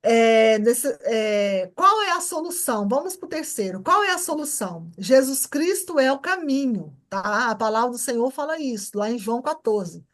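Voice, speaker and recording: A woman's voice: a little high, animated, normal speed, few pauses. A woman with a Brazilian Portuguese accent teaching an informal Bible class at church. She repeats her points and keeps checking that the class understands. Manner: repetitive, keeps checking understanding with short tags.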